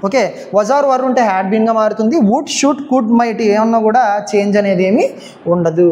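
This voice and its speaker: A woman's voice: fairly high pitch, a little fast, a little mellow, a little hiss or hum. A woman with a Telugu accent coaching students for exams on English grammar, often asking rhetorical questions. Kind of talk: exam coaching lecture.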